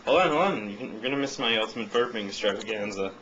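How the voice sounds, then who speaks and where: A man's voice: lowish voice, expressive, fast. A man chatting casually and jokingly, with mock boasts. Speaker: burping contest vlogger. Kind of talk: casual chat. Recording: dull lo-fi audio, loud background noise.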